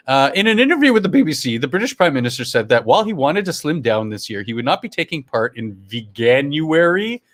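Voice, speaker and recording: A man's voice: medium pitch, a bit bright. A middle-aged man from Canada co-hosting a live stream, chatting casually about the news, swearing and laughing as he goes. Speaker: livestream co-host. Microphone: earphones on a home streaming setup.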